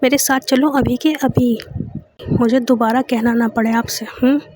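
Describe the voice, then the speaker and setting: In this audio love story, a bossy young girlfriend snaps out insistent questions in a raised, fairly high voice, as a woman narrator puts her on. She sounds demanding and impatient. The tone stays mellow despite the force. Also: little pitch movement, a little fast, slight background noise, lightly acted. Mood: scolding. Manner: sharp, scolding, insistent questions.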